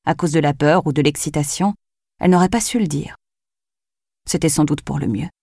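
A woman narrating a thriller novel in a measured way, sometimes dropping to a hushed near whisper. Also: low voice, dry recording. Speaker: audiobook narrator. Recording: dry close studio sound.

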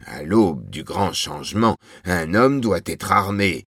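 An eager, clumsy dreamer of a husband, as a man reading a storybook puts him on, his voice cracking with excitement. The voice sits low but lifts when he gets worked up, heard close and dry. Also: slow, slightly rough, no echo, full character voice. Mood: defiant.

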